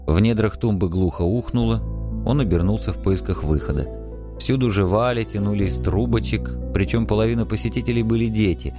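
Calm low-voiced male audiobook narrator.

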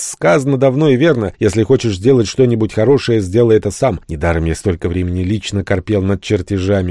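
A man reading a first-person story aloud expressively, with sudden jumps in pitch on emphasis. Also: dark tone, no room sound, studio quality. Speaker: audiobook narrator. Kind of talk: first-person audiobook narration.

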